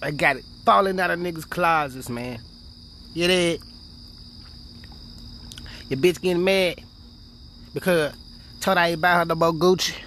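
A podcast host with a fairly high, sharp voice talks a little slowly with long pauses, bragging in loose street slang packed with profanity and tags like "you dig" and "you know what I'm saying." Faint crickets and insects chirp behind a light hiss or hum.

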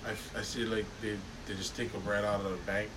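A man in casual chat, rambling with lots of fillers and the odd swear word, recorded on a distant mic with loud wind noise. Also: lowish voice, little pitch movement, a little fast.

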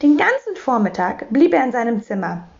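A woman reads a children's story aloud, her high voice lively and swinging through wide pitch. The recording sounds muffled and lo-fi. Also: moderate pace, gravelly. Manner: expressive, animated. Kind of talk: reading a children's book aloud.

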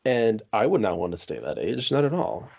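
A man's voice: on the low side, sing-song, normal speed, creaky, darkish tone, husky, highs cut off. A man co-hosting a podcast, chatting casually about a movie and thinking aloud with fillers. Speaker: podcast co-host.

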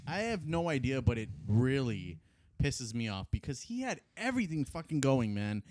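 A man's voice: mid-range voice, sing-song, normal speed, a little mellow. A man in a casual wrestling chat, frustrated and swearing heavily.

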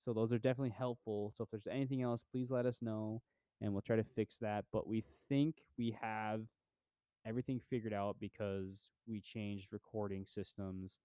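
A young man co-hosting a podcast chats casually about films, relaxed and wandering, full of filler words. He has a dark, low-leaning voice with a steady tone and moderate pace. The sound is clean, with no room sound.

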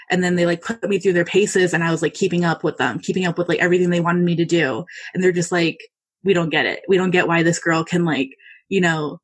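In a casual interview, a young American woman speaks in a lowish, soft, breathy voice with a slight huskiness. She's relaxed and unguarded, stringing ideas together with lots of likes and ums.

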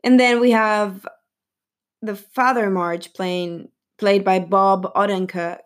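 A young woman film vlogger talks casually about a movie's cast in a slow, steady, mid-range voice. She rambles and giggles, using lots of fillers and correcting herself.

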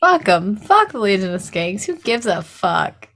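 A woman's voice: medium pitch, big pitch swings, a little slow, creaky, a bit bright, a little hiss or hum. A woman co-hosting a podcast in casual comedy banter, playful and crude. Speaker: podcast co-host.

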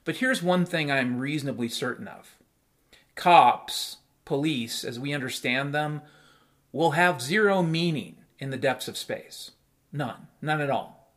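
A man's voice: a little high, measured pace, fairly bright tone. A middle-aged man delivering a blunt, profane monologue as a talk host, repeating phrases for emphasis. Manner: emphatic repetition for effect. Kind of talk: ranting monologue.

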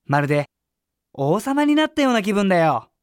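A woman voicing a greedy, sly male deer in a children's storybook reading, talking in a gruff, coaxing way. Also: medium pitch, sing-song, moderate pace, no echo, clean studio sound, voice pushed down, natural voice. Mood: proud. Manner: gruff and coaxing, then mocking.

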